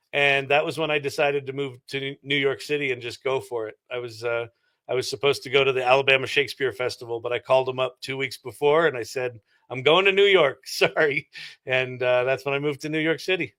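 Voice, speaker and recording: A middle-aged entrepreneur and former actor, appearing as an interview guest, gives casual answers that are reflective and explanatory. His voice is medium-pitched with a fairly bright tone.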